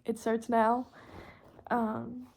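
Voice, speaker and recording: A woman's voice: on the high side, completely flat delivery, extremely slow, gravelly, a little mellow. A teenage girl from Texas chatting informally and rambling as a podcast host, in a youthful casual way while coloring. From Texas, United States. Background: pencil and marker scratching on paper.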